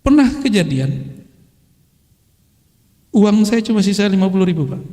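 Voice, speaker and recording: High-voiced male preacher in a hall. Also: big pitch swings, moderate pace, warm tone. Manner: casual conversational preaching, mixing Arabic phrases and quotes. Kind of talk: religious study talk to a congregation. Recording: long hall reverb.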